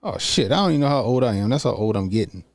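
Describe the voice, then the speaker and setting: A man's voice: mid-range voice, animated, very fast, a little mellow, no echo. A man in his early forties chatting loosely and profanely as he sets up a video to react to. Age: 40s. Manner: loose, profane, thinking aloud. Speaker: reaction streamer. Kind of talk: casual commentary.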